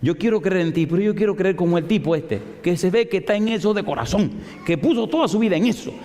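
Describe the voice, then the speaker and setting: A man's voice: high-pitched, quick pace, darkish tone, voice pushed up, close to an everyday voice. A male preacher voicing a skeptical, challenging atheist woman professor, heard in an echoey hall. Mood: earnest. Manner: challenging, insistent.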